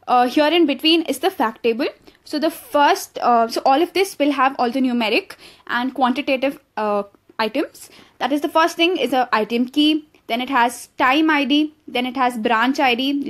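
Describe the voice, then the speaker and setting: A woman teaching an online course, explaining slides step by step, with many fillers and restarts along the way. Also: sits high. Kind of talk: explaining slides in a recorded lesson. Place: voice-over on slides.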